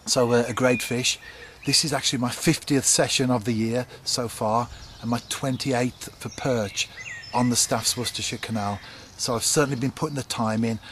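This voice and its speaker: A middle-aged man casually explaining his fishing to a handheld camcorder outdoors on a canal bank, relaxed and chatty with frequent ums. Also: mid-range voice, normal speed, hardly any pauses. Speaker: angler vlogger. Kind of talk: casual fishing vlog to camera. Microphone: camcorder at arm's length. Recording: outdoor camcorder with clear background noise.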